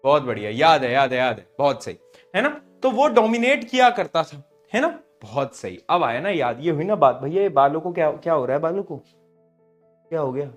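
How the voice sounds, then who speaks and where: A young male tutor with a high voice and a sore throat, teaching a live online class. He scolds his students in rising, loud bursts, then drops soft and low. Faint music plays underneath. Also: very animated, a little fast.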